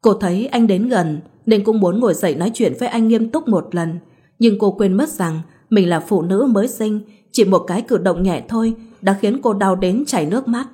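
A woman narrating a romance story in a calm, even storybook reading. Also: mid-range voice, normal speed, husky. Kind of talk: scripted narration.

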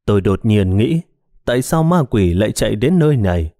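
A man narrating a horror detective story in a scripted, expressive storytelling manner on a close mic. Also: on the low side, fairly quick, dry recording. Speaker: audiobook narrator.

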